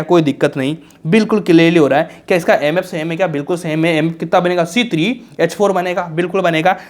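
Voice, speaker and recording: A young man teaching chemistry rattles through a relaxed exam-prep session in a slightly high voice, answering his own rhetorical questions. His manner is colloquial and reassuring, and he calls the students bhaiya and raja.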